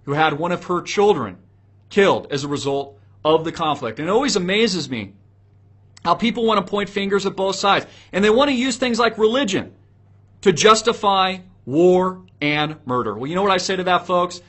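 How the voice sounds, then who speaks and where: An online host with a notably high-pitched, slightly bright voice gives solo political commentary at a moderate pace. He's animated, opinionated, and preachy, pressing his points hard and throwing rhetorical questions straight at viewers.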